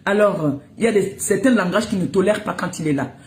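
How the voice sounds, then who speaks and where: A woman's voice: medium pitch, fast talker, reverberant. A woman, ranting and scolding someone on social media, mocking and breaking into laughter. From Cameroon. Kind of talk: heated live rant.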